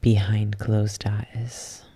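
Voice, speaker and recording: A meditation guide speaks softly through an ASMR yoga nidra session, soothing and unhurried with long pauses. The voice is medium in pitch and delivered flatly, with a creaky, slightly rough texture.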